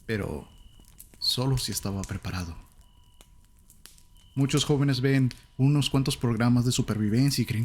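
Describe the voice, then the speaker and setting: Low-voiced man narrating a horror story. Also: slight background noise. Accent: Latin American Spanish. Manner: calm, measured storytelling.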